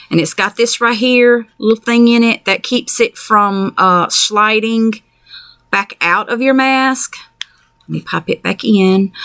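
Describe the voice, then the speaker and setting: A woman's voice: mid-range voice, fairly bright tone, dry recording. Chatty woman with a dry, close sound. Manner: rambling, lots of fillers and restarts. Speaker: vlogger. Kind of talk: casual product review vlog. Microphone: camera mic, wearing a fan respirator mask.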